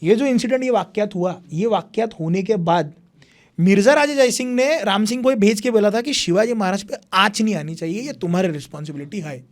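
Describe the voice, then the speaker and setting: A young man, a history speaker, telling a long story in animated conversation and acting out what people said. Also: high voice, fairly quick. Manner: animated retelling with repeated phrases, acts out quotes.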